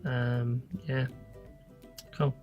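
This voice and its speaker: A man's voice: mid-range voice, flat delivery, very slow, highs cut off, faint music behind. A British man in his thirties chatting casually and hesitantly to a phone held at arm's length inside a parked car, as a vlogger. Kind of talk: casual vlog talk to camera.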